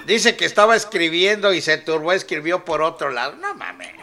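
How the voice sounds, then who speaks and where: A man's voice: a little high, big pitch swings, normal speed, loud music behind the voice. A man with a Mexican accent hosting a radio show, retelling a film in casual, profane, rambling talk and laughing often. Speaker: radio host.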